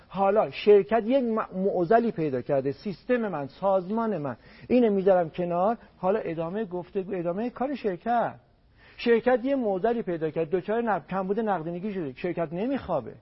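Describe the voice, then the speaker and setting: A man's voice: sits high, slightly rough. A man on a radio program as a family counselor, giving marriage advice in an emphatic way and repeating words for stress. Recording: dull lo-fi radio broadcast.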